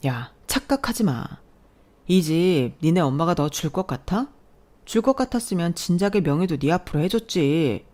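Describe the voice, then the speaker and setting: A woman's voice: lowish voice, big pitch swings, normal speed, warm tone. A woman voicing an arrogant, hot-tempered husband who sneers and threatens in a story reading. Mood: sneering.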